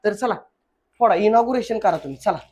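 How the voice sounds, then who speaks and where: A man's voice: sits high, animated, brisk, darkish tone. A young man, hosting a casual family vlog at home and bantering jokingly with his wife. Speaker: vlog host. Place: home room.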